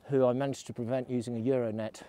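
A middle-aged man vlogs casually while skiing, filming himself at arm's length with a selfie camera on a snowy slope and rambling in a chatty way. His voice sits at medium pitch with little movement, and he talks fast in a warm tone.

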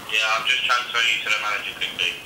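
A man answering a shop phone with brief customer service talk, heard through a phone loudspeaker. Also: fairly low pitch, steady tone, very fast. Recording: noisy speakerphone, echoey room.

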